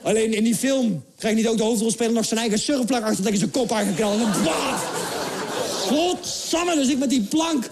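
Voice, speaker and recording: Animated high-voiced male storyteller. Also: fast, few pauses, a loud crowd, very noisy. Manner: animated, acts out characters in English and Dutch. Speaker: comedian. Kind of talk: stand-up storytelling.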